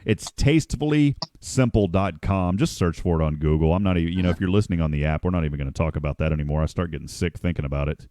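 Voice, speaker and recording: Low-voiced chatty radio host. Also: male voice, fast talker, hardly any pauses, dark tone, dry recording, studio quality. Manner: rambling, self-correcting, chatty. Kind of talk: casual morning radio chat.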